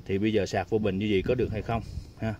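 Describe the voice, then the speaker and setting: Low-voiced man tinkering with a solar panel. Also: flat delivery, quick pace, mellow, dull audio, slight background noise. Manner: chatty, many filler sounds and restarts. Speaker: DIY tinkering vlogger. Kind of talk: casual hands-on demonstration.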